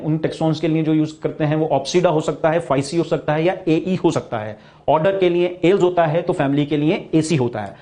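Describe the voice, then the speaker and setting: A man with an Indian accent lecturing on biology, switching between Hindi and slow, deliberate English for key terms. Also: a little high, darkish tone. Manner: explains in Hindi, then slowly restates key points in English. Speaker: biology teacher. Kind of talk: recorded classroom lecture.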